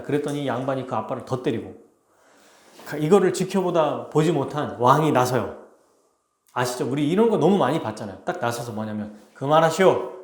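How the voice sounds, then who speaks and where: A man pastor preaching a sermon, telling a story with animated delivery and acting out its characters. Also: a little high. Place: church. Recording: echoey church hall.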